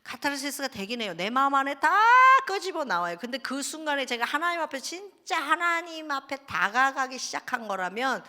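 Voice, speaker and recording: A pastor's wife preaching at a Friday service, animated, swinging between loud bursts and hushed asides as she acts out people's prayers. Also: sits high, a little fast, hardly any pauses. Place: church sanctuary. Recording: reverberant church hall.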